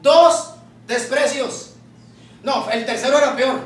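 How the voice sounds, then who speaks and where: A male pastor preaching a fervent, shouting sermon and calling out to the congregation in a church hall. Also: very high-pitched, takes it slowly, slight background noise. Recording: echoey church from far off.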